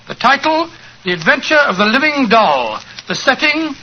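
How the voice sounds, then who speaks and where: An actor playing a genial, fussy older English doctor with an avuncular, hesitant manner in 1940s radio drama. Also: male voice, extremely high pitch, big pitch swings, normal speed. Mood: storytelling. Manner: avuncular, hesitant, bumbling courtesy. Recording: muffled, hissy 1940s radio recording.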